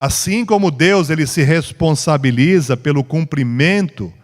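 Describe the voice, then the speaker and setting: A man with a Brazilian Portuguese accent teaching a Bible class in a church, slow and drawn out, rising to emphasis when reading scripture. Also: a little high. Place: church hall. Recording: echoey church hall.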